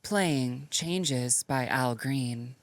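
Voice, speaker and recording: A man putting on a slow feminine robot voice. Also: mid-range voice, no echo. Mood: obliging. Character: feminine robotic AI assistant, calm and obedient. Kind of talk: comedic podcast bit.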